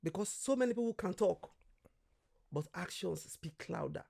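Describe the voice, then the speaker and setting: A man's voice: high voice, lively intonation, moderate pace, vocal fry, darkish tone. A man from Nigeria, a guest in casual conversation, telling stories animatedly, acting out quoted voices and swearing freely.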